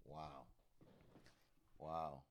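A man's voice: extremely low pitch, flat delivery, extremely slow. A man chatting casually and retelling stories with enthusiasm, repeating himself and peppering his talk with bro and dude. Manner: slangy, says bro and dude often, enthusiastic, repetitive. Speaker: podcast co-host. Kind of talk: casual chat, retelling a story.

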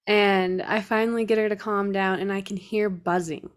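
A young woman co-hosting a podcast, chatting casually. She tells her story loosely, with plenty of "like" fillers, at an ordinary middle pitch. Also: fairly even intonation, normal speed. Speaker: podcast co-host. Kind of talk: casual chat.

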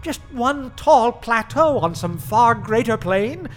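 An actor playing a learned, formal man who speaks in ornate, deliberate phrases. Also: extremely high pitch, lively intonation, soft background music, heavily acted. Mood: awed. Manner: formal, ornate, slow speech.

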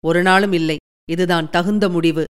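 Woman voicing a dying young outlaw, gentle. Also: lowish voice, moderate pace, clean tone, pitched below the performer's own voice, lightly acted. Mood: faint. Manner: faint, tender and calm.

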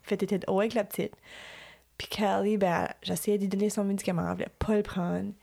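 A young woman with a Quebec French accent telling a story in casual chat, animated and mixing English words into her French. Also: mid-range voice, quick pace, creaky.

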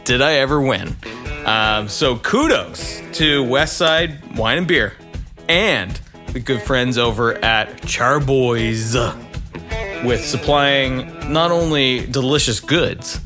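A man's voice: medium pitch, takes it slowly, music in the background. A man co-hosting a casual podcast, joking and bantering with his friend. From Canada. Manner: jokey, playful banter. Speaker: podcast co-host.

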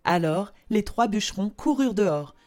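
A woman reads a fairy tale aloud, with slow, expressive storybook narration. Her pitch sits in a middle range for a woman. Faint music plays behind her.

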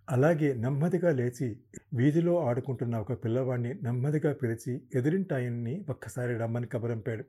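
A man narrating a novel as an audiobook in a steady storytelling manner. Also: mid-range voice, husky.

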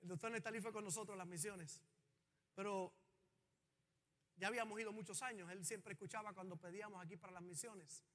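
A male pastor preaching a sermon in a high, bright, forceful voice that carries through a church hall's long reverb. His delivery is impassioned, climbing to loud, fervent peaks as he presses his point. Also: steady tone, a little fast, long pauses.

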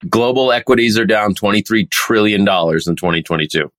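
Joking low-voiced male podcast host. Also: a little fast, a bit bright, no echo. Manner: joking, swears, laughs often, reads quotes aloud. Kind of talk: casual finance chat.

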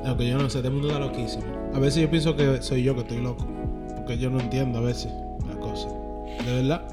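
A man with a Dominican Spanish accent chatting casually as a podcast co-host, telling things in an animated, slangy way. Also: medium pitch, a little fast. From Dominican Republic. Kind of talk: casual chat among friends. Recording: music playing behind the talk. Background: music.

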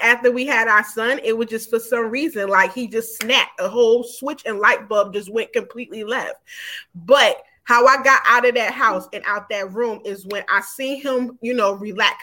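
A woman's voice: on the high side, sharp tone. A woman in her forties, a podcast guest, frankly telling her own story in loose, informal speech with many fillers. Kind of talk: candid personal storytelling.

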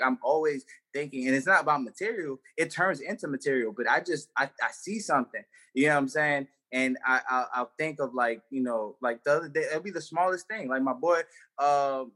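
A man's voice: mid-range voice, fairly quick, bright, forceful tone. A young man, a comedian, chatting casually on a podcast in loose slang with lots of fillers and restarts. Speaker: comedian guest.

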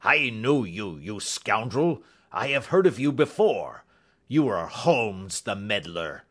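A man's voice: medium pitch, measured pace, pushed and bright, voice pushed up. Man acting snarling, furious old villain of a doctor. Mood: furious, menacing. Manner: snarling, blustering, threatening.

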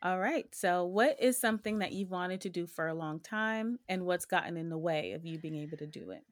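A woman's voice: lowish voice, lively intonation, brisk. Reflective young woman podcast host. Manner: reflective, with frequent ums. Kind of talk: casual podcast talk.

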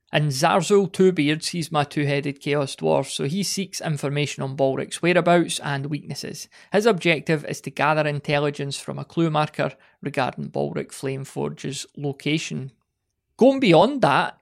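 A man's voice: a little high, vocal fry. A man hosting a solo podcast, talking casually with rambling asides and wry jokes. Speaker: podcast host.

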